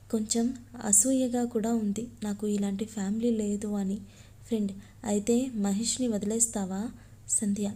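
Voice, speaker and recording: A woman reading a love story aloud, naming each speaker before their line in a flat, even voice. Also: medium pitch.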